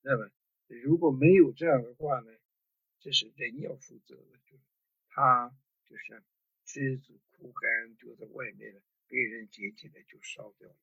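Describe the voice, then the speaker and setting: A man preaching a sermon on scripture, talking in a halting way with many fillers and rhetorical questions. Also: mid-range voice, fairly even intonation, a bit bright, slightly rough, dry recording. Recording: dull lo-fi sound.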